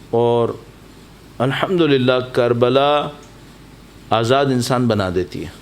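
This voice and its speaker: Telling stories and exhorting the mourners with insistent repetition, a male preacher gives a Muharram majlis sermon in a mosque or majlis hall. He speaks in a mid-range voice over slight background noise.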